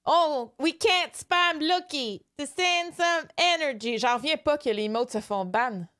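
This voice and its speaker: Her voice sits high and her pace is slow as this young Québécoise streamer from Canada chats casually with viewers. Animated and prone to excited squeals, she reads the chat out loud and slips English into her speech.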